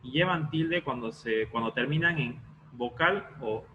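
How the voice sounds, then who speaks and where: Guy teaching an online class, bright voice, keeps checking in, muffled audio w/ faint hiss. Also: medium pitch. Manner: explains step by step, often checks in with a quick question.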